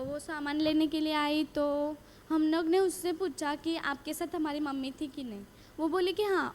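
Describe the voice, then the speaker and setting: A woman's voice: sits high, a little mellow, a little hiss or hum. A woman giving a personal faith testimony at a retreat, telling her story earnestly, repeating phrases and acting out dialogue.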